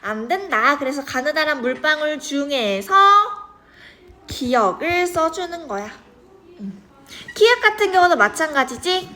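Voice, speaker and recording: Young female tutor, high pitch, casual classroom explaining, frequent check-ins. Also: expressive, a little slow, sharp tone, faint music behind. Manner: chatty, checks in with students often. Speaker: teacher. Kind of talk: grammar lesson to students.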